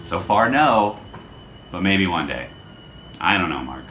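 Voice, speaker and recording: Low-pitched, sing-song and unhurried, with a pushed, bright tone and soft music behind him, a man hosts his show through a casual, unscripted vlog. He rambles to camera in a self-deprecating, introspective way from a hotel room. Another person holds the camera, and the audio is echoey with faint background noise.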